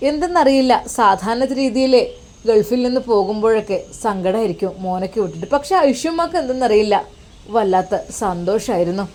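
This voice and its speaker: A woman's voice: mid-range voice, expressive, brisk, a little mellow. A woman storyteller with a Malappuram accent narrating an emotional family tale in an earnest manner. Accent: Malappuram Malayalam.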